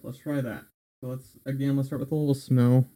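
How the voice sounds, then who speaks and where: A man's voice: mid-range voice, little pitch movement, a little fast, mellow, no echo. A young man hosting a podcast, chatting easily and describing flavors in an easygoing way. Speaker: podcast host. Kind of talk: casual tasting chat and scripted intro.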